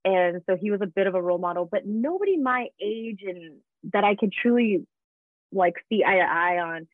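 A woman in her thirties, guest on a casual interview show, tells how she built her fitness business, chatting away with fillers and laughing a lot. Her medium-pitched voice is expressive and moves at a normal speed. The audio has no room sound but a tinny, phone-like quality.

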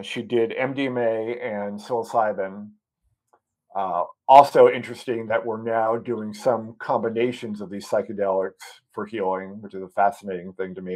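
A man being interviewed as a guest, a doctor, telling a long story in an earnest, halting way, with many ums and restarts and audible emotion. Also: lowish voice. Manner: emotionally moved while recounting.

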